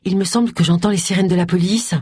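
A woman's voice: fairly low pitch, fairly even intonation, fast talker, warm tone, breathy edge, dry recording, clean studio sound. A woman voicing a curious, fretful man.

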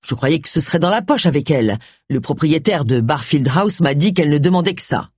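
A reader voicing a self-assured, pushy man who talks in a low, offhand way. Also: lively intonation, brisk, husky, dry recording, clean studio sound. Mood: sheepish. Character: smug, pushy man, a would-be seducer.

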